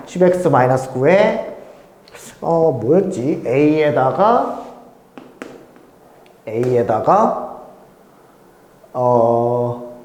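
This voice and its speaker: A man teaching high school math in a casual, chatty lecture, often mimicking students in a high squeaky voice. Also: lively intonation, very slow, pauses often, darkish tone, a little hiss or hum. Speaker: math tutor. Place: classroom. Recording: echoey classroom.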